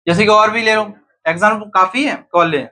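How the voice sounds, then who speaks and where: A man's voice: high voice, moderate pace, pushed and bright. A man teaching a grammar lesson to a class, often asking students questions and then answering them himself.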